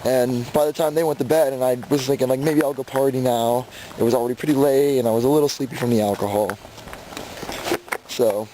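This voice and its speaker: A man vlogging in casual chat with a hoarse voice, talking excitedly and swearing freely. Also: medium pitch, a little fast, noisy background. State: hoarse from screaming.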